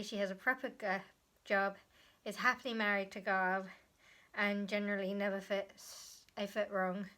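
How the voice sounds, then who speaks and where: Chatty woman with a bright voice. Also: mid-range voice. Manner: chatty, searches for words and corrects herself. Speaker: book vlogger. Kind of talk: casual book review.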